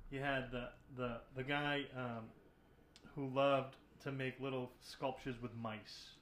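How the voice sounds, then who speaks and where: A man's voice: medium pitch, steady tone, slow, a bit bright. A man in casual podcast chat, hesitant and laughing, telling stories.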